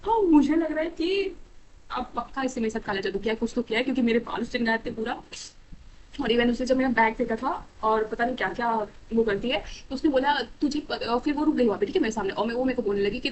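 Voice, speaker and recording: Young woman storytime vlogger, high pitched, talks fast, drops lots of "like"s. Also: slight background noise, poor audio. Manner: animated, fast, mixes in English phrases with frequent "like". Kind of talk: casual storytelling.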